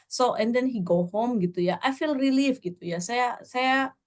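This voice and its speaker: A woman's voice: on the high side, unhurried. A woman from Java giving her testimony in an interview, telling her story with frequent laughter and slipping into English now and then. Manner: animated storyteller, laughs often, mixes in English.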